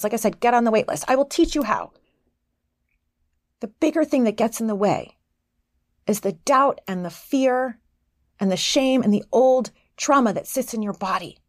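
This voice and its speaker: A middle-aged woman hosting a motivational podcast as a life coach, earnest and encouraging, sometimes bursting with excitement. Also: on the high side, no room sound, studio quality. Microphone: podcast microphone.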